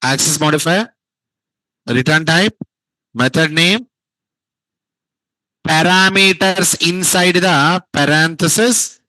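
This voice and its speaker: A man's voice: a little high, takes it slowly, long pauses, pushed and bright, no room sound, poor audio. Guy teaching coding, keeps quizzing the class and repeating stuff, dry sound. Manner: quizzing students, repeats key terms. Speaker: programming teacher. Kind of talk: classroom lecture.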